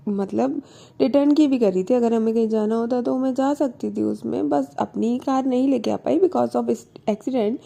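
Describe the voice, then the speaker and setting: A woman's voice: fairly high pitch, normal speed, creaky, dark tone. A woman voicing an irritated young woman who answers curtly in a spoken love story.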